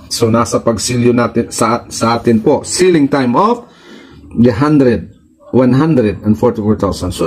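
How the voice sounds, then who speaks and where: Filipino pastor guy preaching, reads a bit then hammers the point over and over, mid-pitched voice. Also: a little mellow, poor audio. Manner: reads passages in English then explains them in Tagalog, repeating points emphatically. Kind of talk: preaching sermon, reading and explaining scripture.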